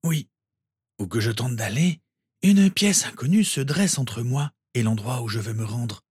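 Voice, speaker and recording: A man voicing a kindly elderly wizard who speaks gently and a little wryly in a read-aloud story. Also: mid-range voice, animated, a little slow, slightly rough, no room sound, studio quality, pitched above the performer's own voice. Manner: gentle, wry.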